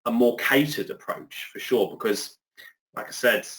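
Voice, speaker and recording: Poor audio captures this English man's mid-range, somewhat bright voice at a normal pace. He's a webinar guest on a video call, keeping the discussion conversational and loose, often using fillers and restarting his sentences.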